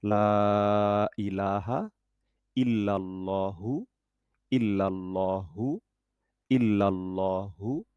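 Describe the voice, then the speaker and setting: A man teaches an online recitation class in a medium-pitched, slightly mellow voice with no room sound. He patiently stretches out each syllable as he demonstrates and often checks that his students are following.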